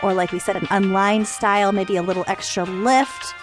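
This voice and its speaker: A woman's voice: mid-range voice, steady tone, normal speed, over music. A woman with an American accent chatting casually as a podcast co-host, playful and candid.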